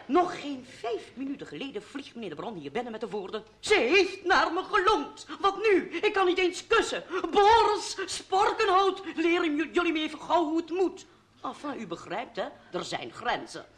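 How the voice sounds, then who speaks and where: A pompous, wordy storyteller. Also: male voice, very high voice, sing-song, moderate pace, fairly bright tone, exaggerated voice. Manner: flowery, mock-formal storytelling. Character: pompous, wordy male friend who tells the story. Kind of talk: old radio comedy acting. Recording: old radio play with audience laughter.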